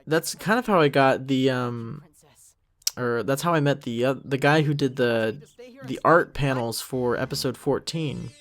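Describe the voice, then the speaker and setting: In an unhurried, mid-range voice, a young adult man talks over his own animated parody series for a commentary track. The talk is casual and rambling, full of self-criticism and sentences that trail away.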